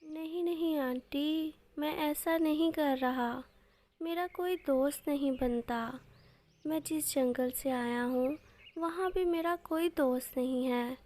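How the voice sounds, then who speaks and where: A woman voicing a lonely orphan baby bird boy in a cartoon story, soft and pleading. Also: high-pitched, slow.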